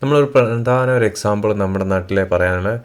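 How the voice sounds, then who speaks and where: Slow, deep-voiced man teaching pronunciation. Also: smooth. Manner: slow, repeats each example word several times. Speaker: German language teacher. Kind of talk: language lesson explaining pronunciation.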